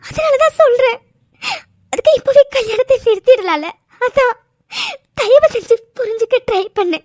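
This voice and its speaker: Cast a woman as a shrill, high-voiced young bride for a cartoon, insistent and exasperated, with a dry close sound. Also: animated, a little fast, no room sound. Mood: tearful. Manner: insistent, exasperated, tearful pleading. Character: young bride pleading to cancel wedding. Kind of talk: cartoon voice acting.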